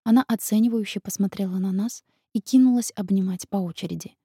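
A woman narrating a first-person audiobook in an expressive, emotional way. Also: mid-range voice, fast talker, husky, no echo, clean studio sound.

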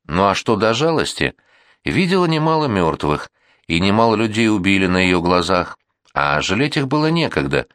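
Male audiobook narrator, very deep voice, lively pitch, dry close recording. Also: normal speed, dry recording. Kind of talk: scripted narration.

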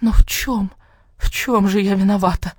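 A woman's voice: fairly even intonation, normal speed, a little mellow, husky, no room sound, clean studio sound, close to an everyday voice. A woman voicing a coy, vain vixen in a storybook who plays helpless and whines. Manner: coy, whiny, shrill at times.

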